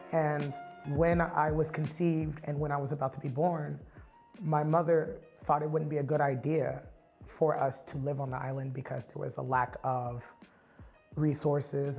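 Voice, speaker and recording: A man's voice: a little high, vocal fry, darkish tone. Candid man from the Bay Area. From San Francisco Bay Area. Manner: candid and reflective. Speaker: storyteller. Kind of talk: personal testimony.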